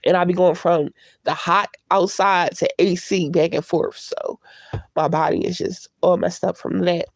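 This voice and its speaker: Congested from a cold, this livestream host talks to her viewers through a tablet in a low, creaky voice with fairly even intonation and an unhurried pace. Her casual chat is candid, long-winded, rambling and reflective, captured in studio quality with no room sound.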